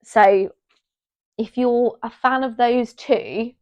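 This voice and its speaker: A woman's voice: fairly high pitch, steady tone, slow, a little mellow, lo-fi sound. A young woman chatting casually to her camera as a vlogger, rambling and restarting her sentences. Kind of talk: casual chat. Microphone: small mic on her.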